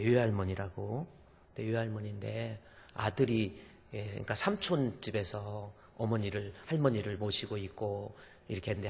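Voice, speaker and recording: Gravelly preaching man in a reverberant hall. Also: on the low side. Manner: preaching with dramatic acted-out quotes, swings from shouting to hushed whisper. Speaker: pastor. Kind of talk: sermon. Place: church sanctuary.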